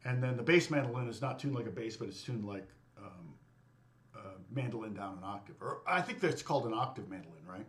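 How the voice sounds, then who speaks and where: A middle-aged American guitar teacher chats casually on a livestream, rambling with his live viewers. He often stops and restarts his sentences and is quick to laugh at himself. His lowish voice is a bit bright, with lively intonation.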